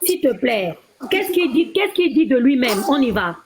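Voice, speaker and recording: A woman's voice: high voice, big pitch swings, normal speed, a loud crowd. A woman debating in a live online call, pressing her point and repeating her questions insistently. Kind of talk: heated live-stream debate.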